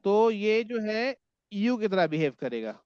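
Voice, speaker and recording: A man's voice: sits high, very animated, unhurried, darkish tone, clean tone, dull audio. A man teaching a German class online in Hindi, patiently repeating words so his students can echo them.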